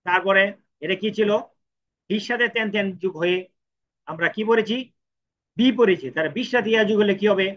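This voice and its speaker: A man's voice: sits high, a little fast, long pauses. A man teaching a language lesson, patiently asking and answering his own questions and repeating each syllable three times. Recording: dull lo-fi sound.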